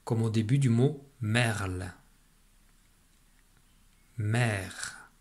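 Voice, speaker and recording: Guy teacher talking to little kids, slow and patient, says each syllable again and again. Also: medium pitch, a bit bright. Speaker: primary school teacher. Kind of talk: remote lesson for young children.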